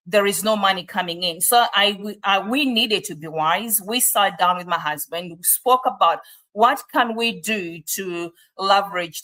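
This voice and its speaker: A woman's voice: on the low side, a bit bright. A woman from Malawi, a guest on an online show, telling her personal story earnestly with rhetorical questions. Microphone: video call.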